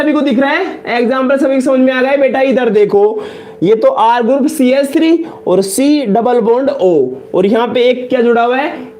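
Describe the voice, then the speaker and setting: A man with a Rajasthani Hindi accent teaching chemistry in a live class, loudly repeating each question and calling students beta and janab. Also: extremely high pitch. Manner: loud, emphatic, drills points by repetition. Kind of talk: live online lecture in Hindi.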